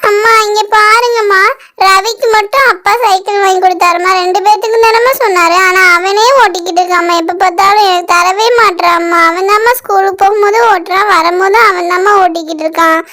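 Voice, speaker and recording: A very high, piping little schoolgirl, played by a woman in a doll storybook video. She whines and pleads, sulky and complaining. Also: steady tone, brisk, background noise. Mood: whiny. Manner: whining, pleading with mother. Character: young schoolgirl, sulky and whiny, then delighted. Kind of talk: storybook doll-play acting.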